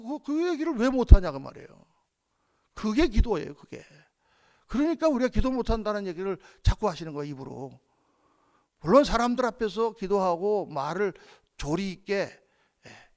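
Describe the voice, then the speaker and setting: High-voiced Korean pastor preaching. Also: male voice, sing-song, fairly quick, darkish tone. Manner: conversational preaching, acts out prayers and voices. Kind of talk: sermon. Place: church.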